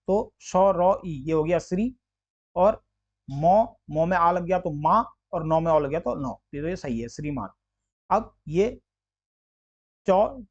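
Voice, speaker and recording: A male Hindi teacher giving an exam-prep spelling lesson, explaining patiently and repeating words slowly to sound them out. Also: sits high, darkish tone. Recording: dull lo-fi audio.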